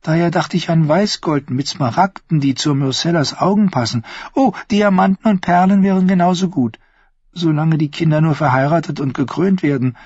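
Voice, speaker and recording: A man's voice: a little high, normal speed, darkish tone, slightly rough, no echo, voice pushed up. A man voicing a sly, sweet-voiced young woman with a lilting, scheming delivery in an audiobook. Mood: sweetly scheming. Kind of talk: audiobook character voice. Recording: dull lo-fi audio.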